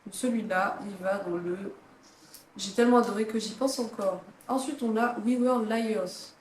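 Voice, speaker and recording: A woman's voice: mid-range voice, normal speed, a little mellow, slight background noise. A young woman chatting casually as a book vlogger, ranking novels with dramatic reactions. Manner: chatty, dramatic reactions, reads blurbs aloud. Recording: echoey room, faint ambience.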